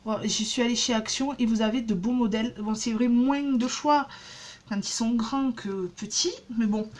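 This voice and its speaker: A woman in her thirties talks through a shopping haul in a loose, rambling way, full of fillers and restarts. Her voice sits a little high, and a faint background noise runs under the recording. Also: fairly even intonation, normal speed, darkish tone. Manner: chatty, many fillers and restarts. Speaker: beauty vlogger. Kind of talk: casual haul vlog.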